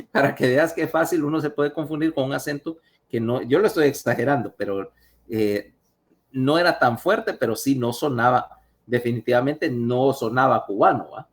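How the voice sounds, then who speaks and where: A man's voice: medium pitch, moderate pace. A man lecturing over a video call in a chatty way, telling anecdotes and asking his listeners questions.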